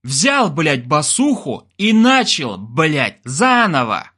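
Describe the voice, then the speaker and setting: A man voicing a hot-tempered young male band leader who yells and swears at his bandmates in a shrill, bossy way. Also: huge pitch swings, normal speed, slightly rough, full character voice. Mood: furious.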